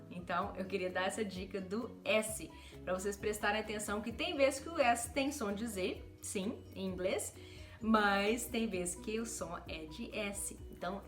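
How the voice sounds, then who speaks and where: A Brazilian woman gives a casual video lesson on pronunciation, slow and unhurried. She chats along and keeps checking in with her listeners. Her voice rings a little in an echoey room, with faint music behind her. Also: mid-range voice, a bit bright. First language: Portuguese. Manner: chatty, laughs often, keeps saying "tá?". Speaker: English teacher.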